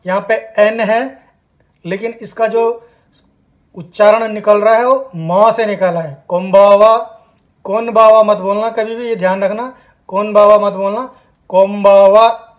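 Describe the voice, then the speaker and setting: A man teaching a spoken language lesson, repeating words slowly and emphatically for learners to copy. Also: sits high, steady tone. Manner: slow, emphatic repetition of words.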